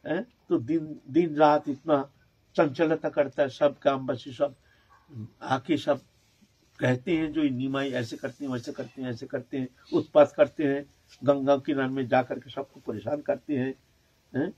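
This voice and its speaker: A man's voice: mid-range voice, steady tone, a little slow, darkish tone, slightly rough, dry recording, highs cut off. A man voicing a mother who chides her restless young son, in a lightly complaining manner. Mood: chiding.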